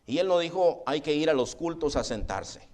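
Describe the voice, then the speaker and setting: A man's voice: a little high, expressive, darkish tone. Conversational pastor preaching to his congregation. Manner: conversational preaching, often adds "hermano" and "¿verdad?"; slow, deliberate congregational reading of scripture. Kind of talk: sermon. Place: church sanctuary.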